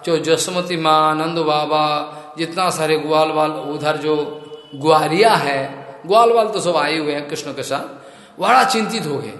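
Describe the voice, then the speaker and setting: Man preaching slow and kinda high, chanting verses, big echoey hall with long reverb. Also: fairly bright tone. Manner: chants scripture verses between storytelling explanations. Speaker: spiritual teacher giving a scripture discourse. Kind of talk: devotional sermon. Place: temple hall.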